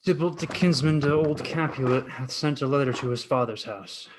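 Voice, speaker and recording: A man playing a level-headed young kinsman who gives brisk, plain replies. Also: mid-range voice, noisy background, close to an everyday voice. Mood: matter-of-fact.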